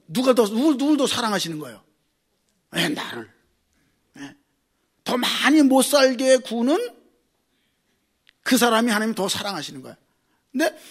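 A middle-aged male pastor preaching with a high, husky voice. He talks with great animation, his pitch leaping around as he jumps from loud exclaiming to hushed asides. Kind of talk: sermon.

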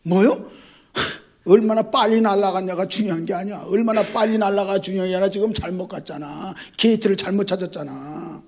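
A male pastor giving an animated sermon, addressing the congregation directly, repeating key words and mixing in jokes. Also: sits high, fairly quick.

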